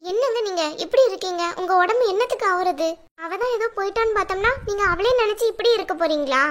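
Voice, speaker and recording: Woman doing a very high, sugary scheming young woman. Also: fast talker. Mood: coaxing. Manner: coaxing, pleading sweetly. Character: scheming young woman, sweet-talking cousin-bride. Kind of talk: cartoon drama dubbing.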